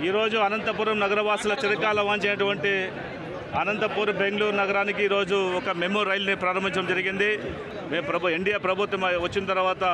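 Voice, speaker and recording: A man with a Telugu accent speaking to reporters outdoors at a railway station event, talking in loose, restarting phrases. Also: sits high. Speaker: public official at a train launch.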